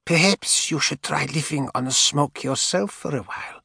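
A man's voice: on the high side, creaky, pushed and bright, husky, no echo, studio quality, voice pushed up, full character voice. A man voicing a spiteful old woman, sibilant and cold. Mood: mocking. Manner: slow, mocking, sweetly venomous. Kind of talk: audiobook character voice.

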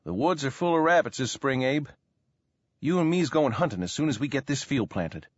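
A firm, plainspoken frontier farmer, voiced by a male narrator, talking in a rustic country way. The reading is lively in pitch, and the recording is dry and slightly dull. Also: normal speed, no echo, close to an everyday voice. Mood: friendly.

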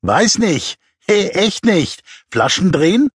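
Guy doing a tipsy college girl, way higher than his own voice, husky, dry studio sound. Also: slow pace, no echo, heavily acted. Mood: playful. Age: young adult. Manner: pushy, excitable party talk. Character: drunk, giddy young female student.

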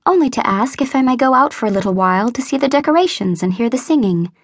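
A woman's voice: high-pitched, animated, fast, dry recording, pitched above the performer's own voice. Brief: woman narrator doing a young, eager maid, raised and polite, storybook reading. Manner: eager, deferential.

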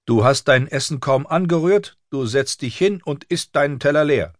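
Strict scolding governess, voiced by a man, raised high, drawn-out and commanding, dry close sound. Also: expressive, no echo, close to an everyday voice. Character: stern strict older woman governess.

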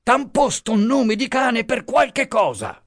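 A pompous, short-tempered gentleman, as a male narrator puts him on, barks and shouts. His voice jumps high and loud with impatience, in a dry, close reading. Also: sing-song, slow, creaky, no room sound, heavily acted. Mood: angry. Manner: barking, shouting commands. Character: irritable pompous middle-aged gentleman. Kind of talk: audiobook character voice.

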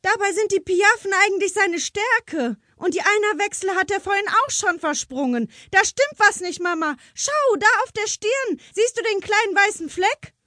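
A woman putting on a high eager teenage girl. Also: expressive, normal speed, few pauses, bright, forceful tone, no echo, studio quality, heavily acted. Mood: worried. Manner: eager, urgent. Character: excited teenage girl, horse-mad daughter.

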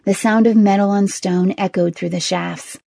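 A woman reading a first-person audiobook in a measured, tense storytelling manner, recorded on a close studio mic. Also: mid-range voice, fairly even intonation, gravelly, dark tone, no room sound. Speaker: audiobook narrator.

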